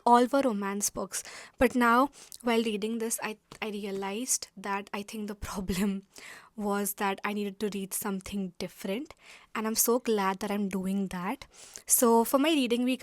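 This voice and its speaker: A woman's voice: medium pitch, no room sound, clean studio sound. A young woman from India vlogging casually to camera from her room, chatty and full of fillers. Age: young adult.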